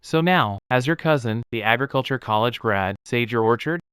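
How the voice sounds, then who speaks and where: An actor playing a young, proud fruit tree breeder who talks steadily and bluntly in a dubbed drama. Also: male voice, medium pitch, animated, moderate pace, a bit bright, clear, resonant tone, no room sound, studio quality, lightly acted. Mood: cold reproach. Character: proud self-made durian grower, young man, calm and firm.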